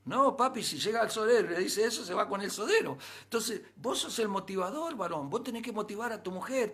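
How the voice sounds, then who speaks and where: A pastor with a Rioplatense Spanish accent delivers a sermon in a high-pitched male voice. He presses his points with emphatic rises and frequent rhetorical questions. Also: fairly bright tone.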